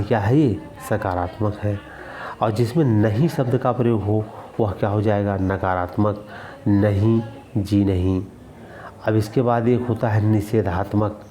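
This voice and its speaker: A man's voice: lowish voice, warm tone, a little hiss or hum. A male teacher giving a grammar lesson, asking his own questions and answering them, repeating key words for emphasis.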